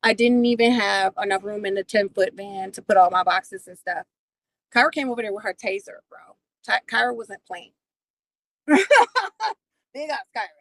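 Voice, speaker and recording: A woman hosting a livestream, telling a personal story in a profane, animated way. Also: medium pitch, fairly quick, dry recording, poor audio. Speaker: livestream host. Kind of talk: casual storytelling.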